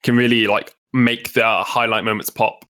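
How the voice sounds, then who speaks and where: A man's voice: fairly low pitch, little pitch movement, moderate pace, sharp tone. A man, a guest esports caster, talking casually at length in a podcast interview, often restarting his sentences. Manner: chatty, explains at length with many restarts.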